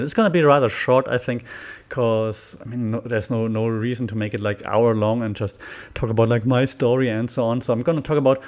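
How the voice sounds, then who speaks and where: On his casual solo podcast, this German-accented host from Germany rambles along, often laughing, restarting sentences and using plenty of fillers. He has a mid-range voice that is a little mellow.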